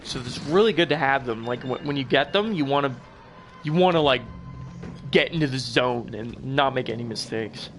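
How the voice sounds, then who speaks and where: A man's voice: medium pitch, lively intonation, moderate pace, faint music behind. A young man giving casual gameplay commentary as a channel host, rambling and loose with lots of filler words and the odd swear.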